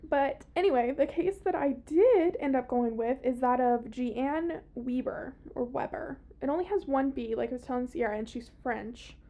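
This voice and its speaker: High-voiced chatty podcast woman. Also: normal speed, few pauses, warm tone. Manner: chatty, giggly, swears freely. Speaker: podcast host. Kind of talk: casual chat. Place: small podcast room.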